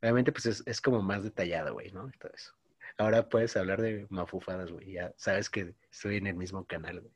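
Slangy young Mexican man, low voice. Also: fairly even intonation, quick pace, breathy edge, no room sound. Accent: Mexican Spanish. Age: 20s. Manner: slangy, says "güey" constantly, storytelling. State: coughing. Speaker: podcast co-host. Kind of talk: casual chat.

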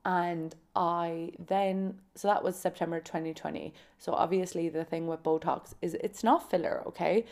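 Woman in her twenties, Kerry Irish accent, lowish pitch, very creaky, mellow tone, informal chatty solo storytelling. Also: steady tone, moderate pace, few pauses. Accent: Irish, from County Kerry in the southwest. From County Kerry, Ireland. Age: 20s. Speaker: podcast host. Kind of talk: casual solo chat, personal storytelling.

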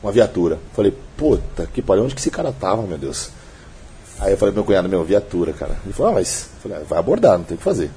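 A man's voice: deep voice, quick pace, slightly rough. A man, a police officer, telling stories in casual podcast chat and acting out the dialogue. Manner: animated storyteller, acts out dialogue.

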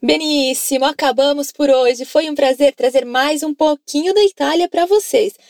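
A Brazilian woman leads an Italian lesson in a high, bright-toned voice. She keeps prompting her listeners to repeat each line. The recording is dry and close, with no room sound. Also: normal speed, dry recording. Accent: Brazilian Portuguese. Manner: encouraging, coaxing the listener to repeat. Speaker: Italian teacher. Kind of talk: language lesson narration.

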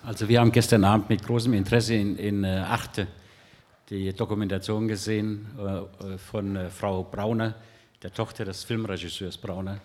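An older man in the audience speaking haltingly, with many fillers. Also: on the low side, level tone, a little mellow. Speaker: audience member. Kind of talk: audience question. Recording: reverberant hall.

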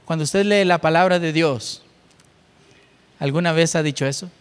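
A man's voice: a little high, moderate pace, clear, resonant tone, in a large hall. A male pastor reading scripture aloud and then preaching a sermon, rising emphatically on key phrases.

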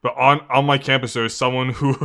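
A man's voice: mid-range voice, steady tone, moderate pace, a bit bright. A young man co-hosting a podcast in casual chat, laughing often and swearing freely. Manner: giggly, swears casually, says "like" and "dude" a lot. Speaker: podcast co-host.

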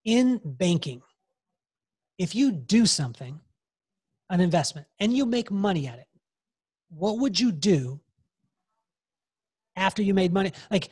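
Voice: medium pitch, sing-song, unhurried, pauses often, a little mellow, husky, no room sound, studio quality. A hairdresser and salon coach speaking as a podcast guest, emphatic and given to repeating key phrases. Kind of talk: podcast interview, motivational advice.

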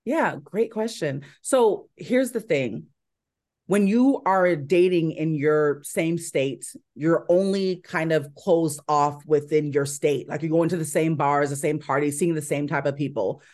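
A woman's voice: low voice, unhurried, a little mellow. Casting: American woman, confident advice-giver, conversational interview guest, emphatic delivery. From Seattle, Washington, United States. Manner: confident, emphatic advice-giving with rhetorical check-ins. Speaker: matchmaker and dating coach, interview guest.

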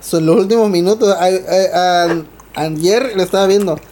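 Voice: medium pitch, unhurried, darkish tone, a little hiss or hum. Podcast co-host trading crude jokes. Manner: joking, crude banter. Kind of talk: casual chat.

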